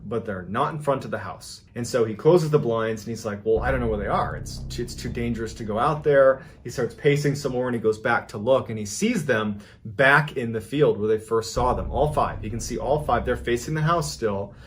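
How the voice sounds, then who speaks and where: Male podcast storyteller, suspenseful and conversational, mid-range pitch, faint hiss under the voice. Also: normal speed. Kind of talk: storytelling narration.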